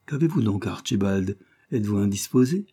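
A man's voice: fairly low pitch, lively intonation, moderate pace, mellow, husky. A man reading the part of an anguished young wife in an audiobook, in an urgent, pleading tone. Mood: anxious.

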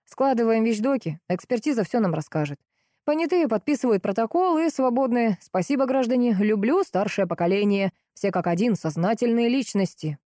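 A woman's voice: fairly high pitch, lively intonation, moderate pace, dark tone, no room sound, clean studio sound, voice pushed up, lightly acted. A woman reading an ironic police colonel. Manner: ironic and businesslike. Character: dry, mocking middle-aged police colonel.

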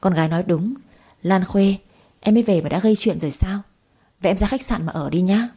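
A woman doing a calm, level-headed man. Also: mid-range voice, fairly quick, husky. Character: calm, reasonable father and husband.

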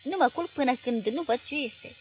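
A calm young man answers with dry irony, as a woman narrator voices him. Her voice stays somewhat high, with a faint hiss under this audiobook reading. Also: natural voice. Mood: wry.

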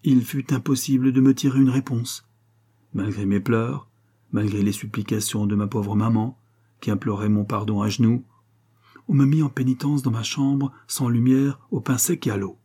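A man narrating a literary story aloud, in an expressive, dramatic reading style. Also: on the low side, moderate pace, husky. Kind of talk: scripted audiobook narration.

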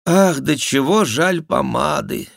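A man reading an audiobook, voicing a cheeky, theatrical court jester with a high mocking voice. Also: sing-song, measured pace, fairly bright tone, no echo, studio quality. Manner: mocking, shrill exclamations, mimicking. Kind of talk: audiobook character voice.

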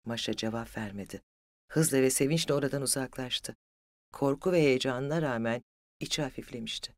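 Steady audiobook narrator, dry close sound. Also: mid-range voice, brisk, no echo.

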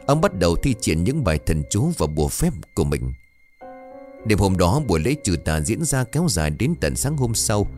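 Brief: male storyteller, low and lively, soft music underneath. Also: normal speed. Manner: dramatic, expressive storytelling. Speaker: narrator. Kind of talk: scripted horror story narration.

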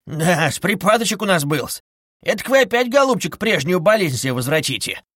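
A sly, fawning middle-aged investigator, as a male reader plays him coaxes and insinuates in a wheedling, drawn-out way. The voice sits a touch high, and the recording is dry and close. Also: sing-song, a bit bright, husky, dry recording, exaggerated voice. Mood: insinuating.

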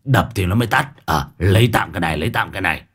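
A man voicing a gruff shaman, blunt and scolding. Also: low voice, animated, rapid-fire, a bit bright, full character voice. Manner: gruff, hesitant.

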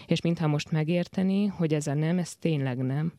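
A woman, the author, reading her own first-person literary story in a measured, intimate way in a radio studio. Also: low voice, warm tone, dry recording.

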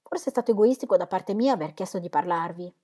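A woman's voice: on the low side, lively intonation, quick pace, mellow. A woman reading aloud, voicing a proud, poor young man in love who bursts out in bitter anger. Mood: despairing.

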